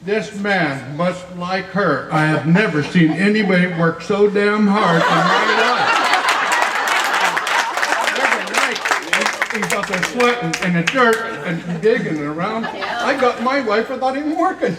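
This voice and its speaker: An older man with a high voice toasts the couple in a blunt, joking manner. He sounds distant in an echoey room. A loud crowd and clattering noise surround him. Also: a little slow. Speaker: neighbor giving a toast. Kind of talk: informal wedding toast.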